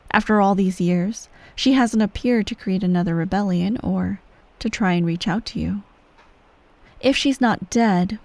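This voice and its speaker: A voice actor plays the cold, manipulative ruler of an evil empire, who is also a stern parent, in an ASMR bedtime roleplay. Her medium-pitched voice is measured and condescending, often softening almost to a whisper, recorded on a close mic with no echo.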